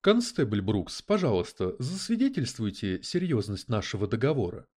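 A man's voice: lowish voice, sing-song, moderate pace, darkish tone. A man voicing a prim, coldly logical male detective android who speaks in an oddly mechanical, lecturing way. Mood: cool challenge. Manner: precise, lecturing, unflappable.

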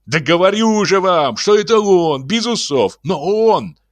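A man voicing an excitable, boastful middle-aged male locksmith who blusters and shouts. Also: moderate pace, dry recording. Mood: smug insistence. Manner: shrill, blustering, ironic.

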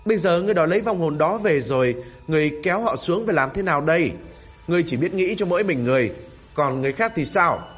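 A man voicing an arrogant old male river god who talks down with haughty, mocking command. His voice is slightly husky. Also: a little high, animated, fast, soft background music.

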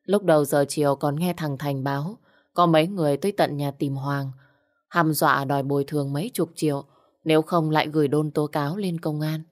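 A woman's voice: low-pitched, steady tone, a little fast, a little mellow. A woman narrating a first-person story and reading every character's lines in her own voice.

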